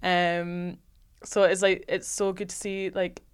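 A woman's voice: fairly low pitch, little pitch movement, slow pace, smooth. A young woman in her twenties, a rugby development officer, talking eagerly with lots of 'like' and 'you know'. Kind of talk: casual chat.

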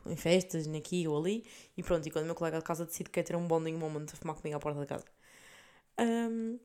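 A woman in her twenties hosts a podcast, speaking in a somewhat high, mellow voice with a European Portuguese accent. She tells stories in a relaxed, chatty monologue, swearing freely and dropping in English words.

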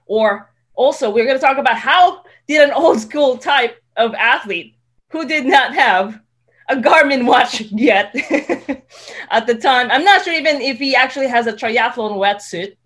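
A woman hosting a casual interview, chatty and quick to laugh, often restarting her words. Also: a little high, animated, fairly bright tone. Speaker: podcast host.

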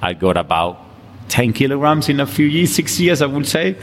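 Speaking English with a Colombian Spanish accent, a fitness coach from Colombia laughs often as a guest in an easygoing interview at a gym. His voice is medium-pitched and sing-song at normal speed. Long reverb and faint background noise fill the recording.

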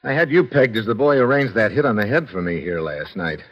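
An actor playing a tough, cocky, slangy reporter in an old-time radio adventure serial, with a sardonic, hard-boiled delivery. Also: male voice, on the low side, expressive, quick pace, in a large hall. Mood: wry. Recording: dull, lo-fi old radio recording.

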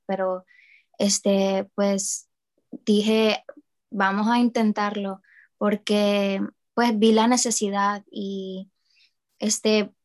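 Young woman from new orleans, interview guest, kinda flat voice, lots of ums and restarts. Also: medium pitch. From New Orleans, USA. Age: young adult. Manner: hesitant, many fillers and restarts. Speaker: guest, student and project founder. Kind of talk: casual interview.

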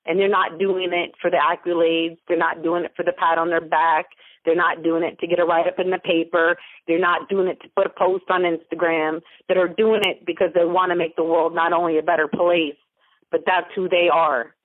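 Over a tinny phone line, a woman who is a mentor and business founder gives an interview as a guest. She is emphatic and motivational, stacking repeated phrases in a lowish, fairly flat voice at a slightly fast pace, on a dry recording.

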